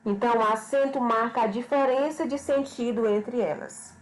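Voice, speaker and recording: A woman teacher with a fairly high voice gives an online grammar lesson, speaking slowly and patiently. She repeats questions and checks in with her students using "certo?". The audio is poor, with a little hiss or hum.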